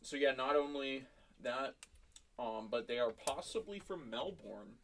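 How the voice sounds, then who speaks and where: A man's voice: medium pitch, animated, a little slow, distant mic, slight background noise. A young man joining a livestream as a guest, talking in a laid-back, slightly mumbly way and reading chat aloud.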